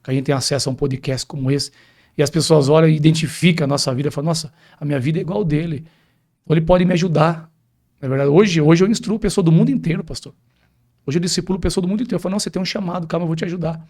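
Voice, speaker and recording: A man's voice: on the high side, fast, darkish tone. A man with a Brazilian Portuguese accent, a pastor telling his personal testimony as a podcast guest, acting out the dialogue as he tells it. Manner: vivid storytelling, acting out quoted dialogue.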